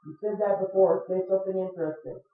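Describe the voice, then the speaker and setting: A man's voice: sits high, fairly even intonation, quick pace. A man making dry, sarcastic remarks while commenting on a video game. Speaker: let's play co-host. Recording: tinny, echoey audio with music.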